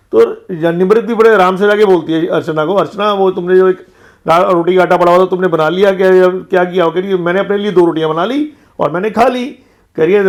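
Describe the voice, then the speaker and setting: A man recapping a TV episode in casual talk, retelling the quarrels by quoting each person in turn. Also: sits high. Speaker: show recap vlogger.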